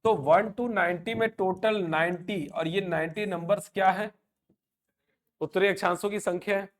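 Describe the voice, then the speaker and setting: Guy teaching an online coaching class, kinda high voice, pep-talky, chatty with students. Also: fairly even intonation, moderate pace. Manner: motivational, conversational, addresses students by name. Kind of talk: live online class lecture.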